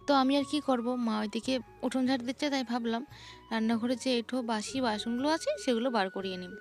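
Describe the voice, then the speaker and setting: A woman's voice: fairly high pitch, steady tone, quick pace, faint music behind. A young woman, narrating her morning chores in a chatty home vlog. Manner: chatty, describing chores as she goes. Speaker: vlogger.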